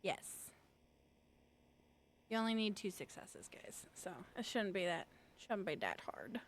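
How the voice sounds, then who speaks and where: A woman narrating as game master in a tabletop role-playing game, describing scenes in an unhurried, descriptive way. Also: mid-range voice, animated, a little hiss or hum.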